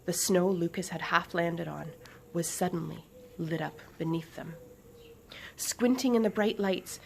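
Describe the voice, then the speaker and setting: A woman author reading her children's book aloud with expressive storytelling and dramatic pauses. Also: fairly low pitch, creaky, a little hiss or hum.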